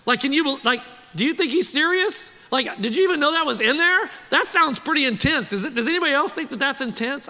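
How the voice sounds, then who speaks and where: A man preaching a sermon to a congregation, animated and conversational, often asking the crowd questions. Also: very high voice, big-room sound. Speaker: pastor.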